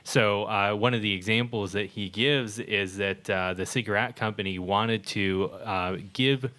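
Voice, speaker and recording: A man co-hosting a casual podcast discussion, his voice a little low and bright in tone. He rambles through his points with fillers and restarts. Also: steady tone, a little slow. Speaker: podcast co-host.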